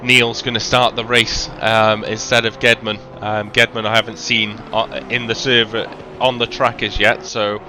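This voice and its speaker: A man's voice: fairly low pitch, little pitch movement, moderate pace, few pauses, pushed and bright, a little hiss or hum. A man with a faint Welsh accent doing live sim racing commentary, chatty, with lots of ums and self-corrections. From Wales.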